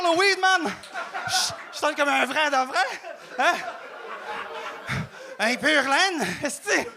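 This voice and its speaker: A man from Vietnam with a Vietnamese accent doing a stand-up comedy set in halting, broken French, tagging his lines with "hein?". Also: extremely high pitch, vocal fry, sharp tone. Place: live comedy club stage. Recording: noisy live club recording.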